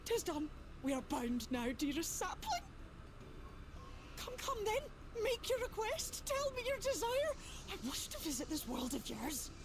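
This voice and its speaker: A woman playing an excitable, mischievous, regal pixie in a fantasy video game, with a lilting, theatrical leprechaun-like manner. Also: very high voice, unhurried, background noise, exaggerated voice. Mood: gleeful, commanding.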